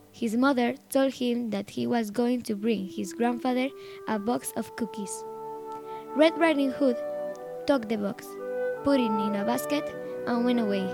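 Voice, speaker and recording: A woman reads a children's story aloud, phrase by phrase. Her voice sits high, and she stumbles and restarts now and then. Faint music plays behind her. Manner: reads in short phrases with some slips and restarts.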